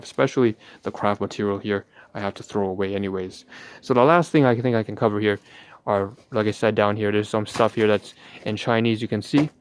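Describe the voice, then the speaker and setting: Sorting through paperwork on a livestream, this host talks his way through each step in a roundabout, faltering, somewhat formal style. He has a lowish, clear, resonant voice, recorded with no echo.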